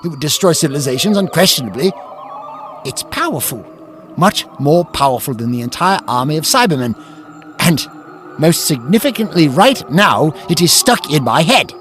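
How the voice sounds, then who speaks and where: A man playing a defiant, eccentric alien time traveller in a sci-fi audio drama, speaking in theatrical, expressive speeches. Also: fairly high pitch, moderate pace. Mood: resolute. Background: music.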